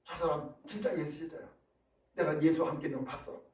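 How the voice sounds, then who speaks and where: A man's voice: fairly high pitch, fairly even intonation, brisk, lightly acted. A man voicing a young servant girl who points out and accuses someone in the crowd. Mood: accusing. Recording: echoey room from a distance.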